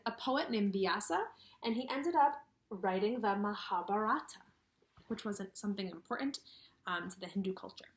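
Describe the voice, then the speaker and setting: A woman kindergarten teacher, her voice a little high, reads aloud to young children and explains things expressively and emphatically, asking her listeners questions.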